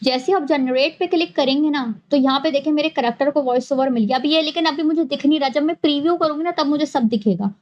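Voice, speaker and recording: A woman narrating a screen-recorded software tutorial, explaining each step patiently and repeating key points. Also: high-pitched, quick pace, few pauses, muffled recording. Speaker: animation tutorial host.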